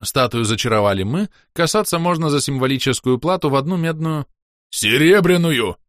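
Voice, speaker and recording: A man narrating a first-person fantasy audiobook in a lively, expressive way. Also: medium pitch, fairly quick, no room sound, clean studio sound.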